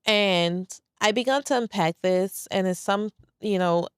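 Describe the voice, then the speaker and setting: A woman in her 30s, born in Saint Lucia and raised in Brooklyn, New York, hosts a casual solo podcast in a Brooklyn accent with a light Saint Lucian trace. Her smooth, clear, mid-range voice is unhurried, recorded dry and close with no echo. She's candid and laid back, says "like" and "very much so" a lot, and swears freely.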